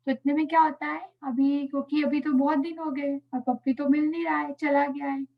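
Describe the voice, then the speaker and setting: A woman telling a story to children in an animated, playful way, adding sound effects. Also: sits high, brisk, vocal fry. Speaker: Sunday school storyteller. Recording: tinny phone-like audio.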